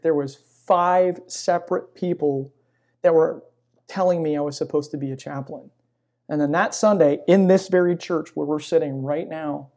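A middle-aged man, a chaplain being interviewed, telling personal stories in a reflective, conversational way with pauses mid-phrase. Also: a little high, mellow. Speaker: military chaplain and pastor, interview guest. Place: inside a church.

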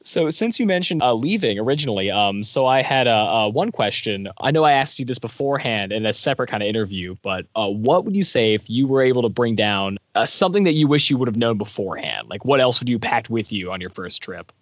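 A male interviewer asks a guest long, curious, rambling questions in a relaxed conversation. His voice is mid-pitched, and the recording is dry with no room sound. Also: quick pace, hardly any pauses, no echo.

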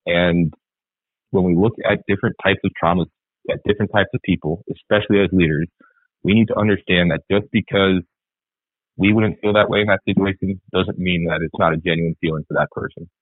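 A man's voice: low-pitched, steady tone, a little fast, husky, no room sound. A man, an Army sergeant, talking earnestly and reflectively in a candid podcast interview, with fillers and repeats. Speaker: guest, Army sergeant and article author. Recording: tinny phone-like line, dry.

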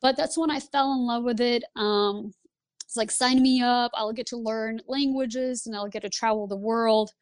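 A woman, a podcast guest telling her story in a lively, casual way. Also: on the high side, normal speed, clear, resonant tone, no echo. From Lithuania. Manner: lively, laughs while telling stories. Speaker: guest, Air Force pilot instructor.

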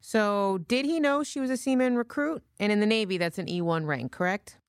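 A woman's voice: mid-range voice, fairly quick, no room sound, clean studio sound. An American woman hosting a scripted legal discussion as a military lawyer. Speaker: podcast host, military lawyer.

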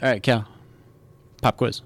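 A man with a mid-pitched voice hosts a legal podcast. He explains in an informal, conversational manner, like a colleague quizzing another. He repeats key points for emphasis. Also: fairly even intonation, measured pace. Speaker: podcast host, military lawyer.

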